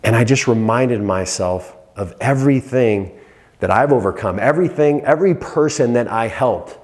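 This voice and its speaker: A man, a hypnotist and coach, giving a fired-up motivational monologue who swears casually and jumps high in pitch when excited. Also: normal speed.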